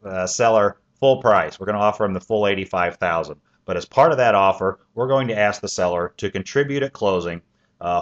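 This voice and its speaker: A man working as a mortgage loan officer, giving a sales pitch that walks through a financing plan step by step, with frequent "uh" and "um" fillers. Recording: dull lo-fi recording.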